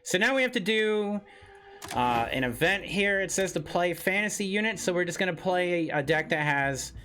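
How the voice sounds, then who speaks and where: High, bright-voiced man streaming games. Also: lively intonation, moderate pace, slight background noise. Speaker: gaming streamer. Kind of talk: live game commentary.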